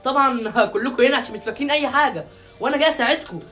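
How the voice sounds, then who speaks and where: A persuasive Egyptian man who heads a powerful organization, as a woman puts him on, his voice pushed low. He talks very quickly. Faint music plays behind him. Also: fairly bright tone. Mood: grandiose. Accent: Egyptian Arabic. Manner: persuasive, fast, pitched low. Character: smooth-talking male benefactor, boss of a big organization.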